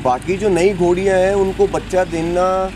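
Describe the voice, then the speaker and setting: A man with a high voice and a Rajasthani Hindi accent talks earnestly about breeding, walking through points one by one. He is out in a sunny farm yard on a lapel mic. Traffic noise hums clearly behind him. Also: little pitch movement, normal speed. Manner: earnest, explanatory, often saying "ठीक है". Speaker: stud farm owner and horse breeder. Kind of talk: explaining horses outdoors to an interviewer. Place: sunny outdoor farm yard beside a horse.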